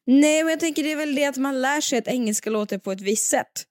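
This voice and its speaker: A woman's voice: sits high, a little mellow, no room sound, clean studio sound. A young woman co-hosting a podcast in casual chat, enthusiastic and chatty. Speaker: podcast co-host.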